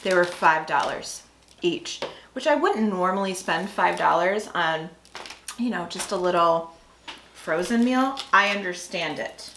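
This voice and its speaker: A woman's voice: lowish voice, animated, measured pace, a bit bright, slight background noise. Enthusiastic American woman in echoey room. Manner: enthusiastic, exclaiming. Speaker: food review vlogger. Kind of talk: casual taste-test chat.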